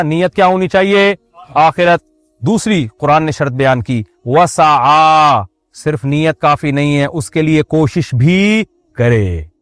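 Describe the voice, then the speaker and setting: A man's voice: fairly high pitch, no echo. A man preaching a religious sermon in a conversational way, with joking asides to the audience. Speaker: Islamic preacher.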